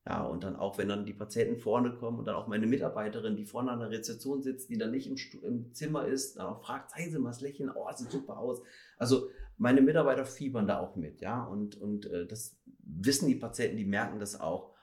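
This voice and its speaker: A man's voice: on the low side, a little mellow. A man in his thirties from the Ruhr area, a dentist talking at ease on a podcast, with lots of fillers. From Ruhr area, Germany. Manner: chatty, many fillers, drawn-out phrases. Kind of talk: relaxed podcast conversation.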